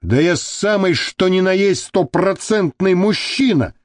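A man's voice: high-pitched, expressive, unhurried, dry recording, clean studio sound, voice pushed up. A man reading the part of a rude, brutish thug who growls and snaps at people. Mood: gruff. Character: rough brutish male thug, quick to snap.

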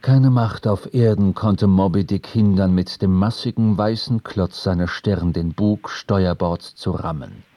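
A solemn sole survivor. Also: male voice, deep voice, warm tone, no room sound. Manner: measured, solemn storytelling. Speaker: narrator. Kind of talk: scripted radio play narration.

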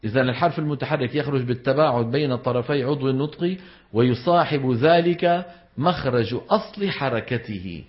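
A man's voice: medium pitch, moderate pace, breathy edge. A man with a Levantine Arabic accent teaching a class on Quran recitation. He quizzes his students with questions and demonstrates the sounds aloud. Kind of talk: classroom lecture. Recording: dull lo-fi lecture recording.

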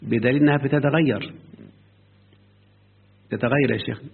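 A man's voice: medium pitch, moderate pace, creaky, breathy edge. A man with an Egyptian Arabic accent explaining a grammar book to a student, often stopping to check that the student has understood. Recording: lo-fi phone-like recording.

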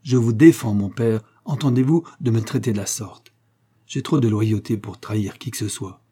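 A man's voice: lowish voice, normal speed, dark tone, husky. A man voicing a dignified young son who speaks formally and firmly. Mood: indignant. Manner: formal, firm, polite.

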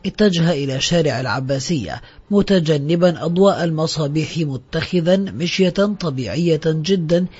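Husky guy reading a novel, measured, kinda muffled lo-fi audio with faint music. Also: a little high, a little mellow. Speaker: narrator. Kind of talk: audiobook narration.

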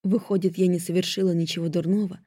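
A woman reading a novel aloud as narrator, in steady first-person storytelling. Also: lowish voice, fast talker, husky, dry recording, clean studio sound. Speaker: audiobook narrator.

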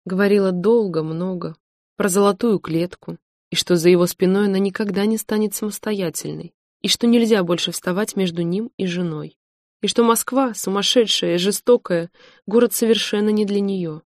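A woman narrating an audiobook novel in an even, measured storytelling manner. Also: mid-range voice, dry recording, clean studio sound. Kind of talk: scripted narration.

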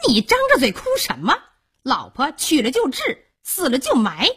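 A woman storyteller voicing a cruel, domineering stepmother who scolds harshly and with contempt, in a husky voice. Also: high-pitched, huge pitch swings, normal speed, fairly bright tone, pitched above the performer's own voice, full character voice. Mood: contemptuous.

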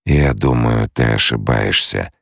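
Audiobook villain: a scheming male shapeshifter, slow taunting bargainer, read by a man with a very deep, dry voice. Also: vocal fry, a bit bright, dry recording, full character voice. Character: cunning male face dancer, scheming menace.

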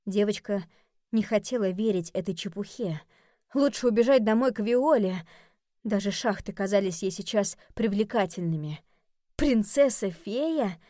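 Female audiobook narrator, mid pitch, dry close studio sound. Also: normal speed, dark tone, no echo.

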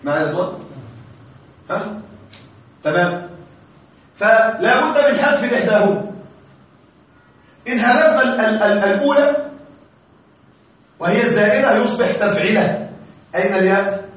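A man teaching Arabic grammar in a classroom lecture, constantly quizzing his students and pausing for their answers. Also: high-pitched, animated. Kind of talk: classroom lecture with call-and-response questions. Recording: distant, echoey, dull lo-fi with faint hiss.

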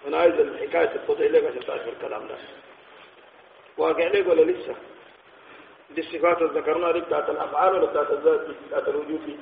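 A Sudanese sheikh gives a religious lecture at a rapid clip, keeping his listeners on their toes with constant rhetorical questions. His voice sits a little high for a man and carries a long hall reverb. The recording is thin and tinny, like a phone line, with faint background noise. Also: steady tone, gravelly. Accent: Sudanese Arabic. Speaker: sheikh teaching theology.

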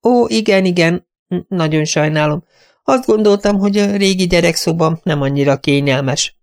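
Guy doing a fluttery nervous lady companion, high and breathless, all apologies. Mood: flustered. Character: fluttery timid middle-aged female companion.

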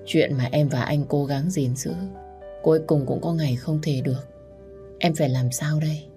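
A woman's voice: low voice, steady tone, normal speed, warm tone, faint music behind. A woman voicing a worried middle-aged mother who scolds sharply out of fear in a storybook reading. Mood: shaken.

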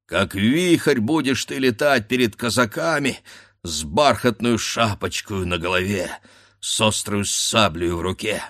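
A man's voice: deep voice, full character voice. A man doing a stern Cossack warrior. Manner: commanding, defiant shouts. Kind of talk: dramatic audiobook reading.

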